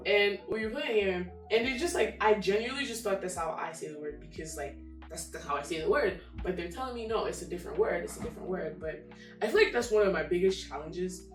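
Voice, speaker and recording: A teenage girl from Nigeria answering softly and hesitantly, with many fillers. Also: fairly low pitch, fairly quick. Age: teens. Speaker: guest. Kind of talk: casual interview answers. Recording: roomy, distant mic, faint music.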